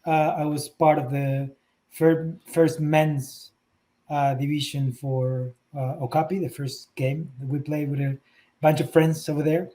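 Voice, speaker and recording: A man from Argentina, a guest in a casual interview on a video call, speaking in a measured way with frequent pauses. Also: fairly high pitch, level tone, dark tone, rough recording. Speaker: guest, rugby club executive.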